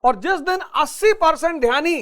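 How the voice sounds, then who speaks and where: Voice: sits high, lively intonation, moderate pace. A spiritual teacher giving a motivational talk, urging listeners on and repeating key phrases.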